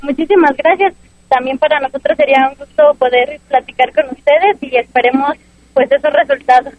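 A woman's voice: high-pitched, brisk, no echo, phone-quality sound. A Mexican woman in her twenties, a football player giving brief, polite answers in a phone interview. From Jalisco, Mexico. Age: 20s.

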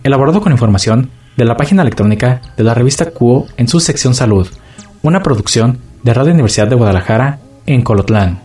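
Husky radio narrator. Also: male voice, mid-range voice, expressive, a little mellow, faint music behind. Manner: measured, informative. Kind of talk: scripted narration.

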